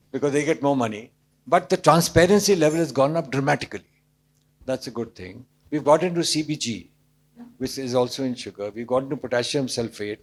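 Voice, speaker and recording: An older man from Calcutta with an Indian accent, explaining things emphatically in short measured phrases as an interview guest. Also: medium pitch. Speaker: interview guest, business executive.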